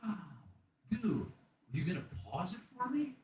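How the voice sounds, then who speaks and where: A man's voice: high voice, unhurried. Guy in his 30s ranting a funny story, swears a lot, voice jumps all over, echoey room far from the mic, bit of hiss. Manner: animated, profane, acts out voices. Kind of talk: casual comedic storytelling. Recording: echoey room, distant mic, faint noise.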